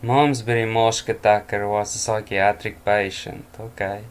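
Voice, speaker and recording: At home late at night, a worn-out news commentator yawns through the headlines, adding casual asides and the odd chuckle. His pitch sits fairly low, his tone stays level, and he talks at a normal speed with a smooth sound.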